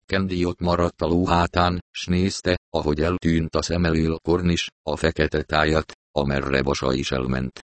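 Male audiobook narrator, very deep voice, measured, dry close recording. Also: flat delivery, no room sound.

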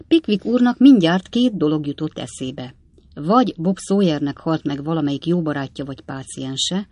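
Measured audiobook narrator, dry sound. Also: medium pitch, dry recording. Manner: even, measured storytelling. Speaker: audiobook reader. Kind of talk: scripted narration.

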